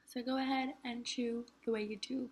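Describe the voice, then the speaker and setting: A woman's voice: fairly high pitch, little pitch movement, moderate pace. A young woman talking casually to camera while eating, chatty and self-encouraging, sometimes speaking with her mouth full. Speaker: mukbang vlogger. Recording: noticeable background noise.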